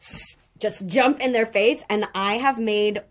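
A woman's voice: mid-range voice, a little slow. A young woman chatting in an interview, giggling often and telling stories in a bubbly, rambling way. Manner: giggly, bubbly storytelling with many likes. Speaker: stage actor guest. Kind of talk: casual chat interview.

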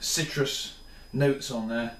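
A camera mic several steps away picks up a roomy, distant take of a tired man in his thirties reviewing beer in his small home kitchen. He rambles casually and eagerly, slow-paced, his medium-pitched voice steady and a bit bright.

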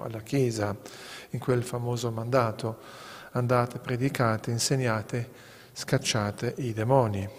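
A man, a priest, giving a homily at Mass in a measured preaching manner, often repeating words as he goes. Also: mid-range voice. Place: sanctuary church. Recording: echoey church with long reverb.

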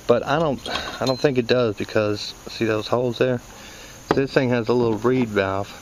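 An HVAC technician demonstrates parts hands-on outdoors in a yard beside a scrap pile, explaining in a casual, folksy way and thinking aloud. His mid-range voice moves at normal speed, captured by a handheld camera he holds, in a noisy recording full of insects.

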